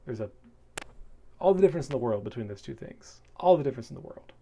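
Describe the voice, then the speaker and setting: A man's voice: medium pitch, quick pace, husky. Married man reading aloud and commenting. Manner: reads in a steady tone, then grows loud and animated in asides; conversational, with fillers and short laughs.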